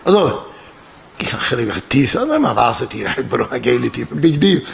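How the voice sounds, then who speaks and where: A man giving a religious lecture as a yeshiva lecturer, telling a story and acting out its dialogue with lively restarts. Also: mid-range voice, moderate pace, vocal fry. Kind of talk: religious lecture told as a parable.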